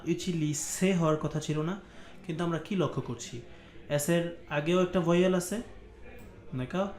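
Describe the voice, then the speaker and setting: A man with a Bangladeshi accent teaches French pronunciation from a workbook. His voice sits a little high, and he keeps checking that his listeners follow. The room around him is echoey. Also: darkish tone. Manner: patient, checks in often with the listener.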